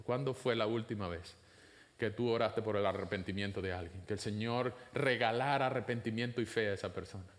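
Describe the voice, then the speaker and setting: A man preaching a sermon, putting rhetorical questions to the congregation, his voice climbing high for emphasis and then dropping low and slow. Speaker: pastor.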